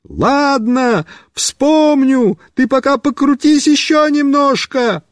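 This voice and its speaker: A man voicing Mishka, a scatterbrained young boy who keeps shouting across a yard in a storybook reading. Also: very high voice, takes it slowly, no echo, studio quality, pitched above the performer's own voice. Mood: shouting, excited.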